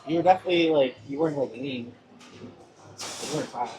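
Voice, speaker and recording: A man's voice: medium pitch, a little fast, background noise. A man chatting casually at a table, rambling and filling his talk with "like". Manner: rambling, full of "like". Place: busy buffet restaurant. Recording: crowded buffet chatter behind.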